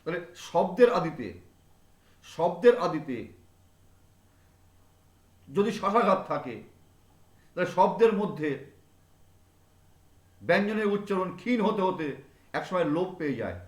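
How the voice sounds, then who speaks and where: A man's voice: high-pitched, sing-song, unhurried, long pauses. A male teacher giving a classroom grammar lesson, repeating example words over and over to drill them in. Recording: echoey room.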